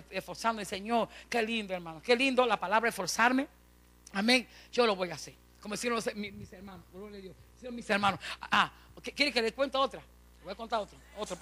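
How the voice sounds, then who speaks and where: Preacher guy, really high bright voice, fired up, amen every other line. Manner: fervent, addresses congregation as brother, frequent amen and hallelujah. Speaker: pastor. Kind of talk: lively Spanish-language sermon.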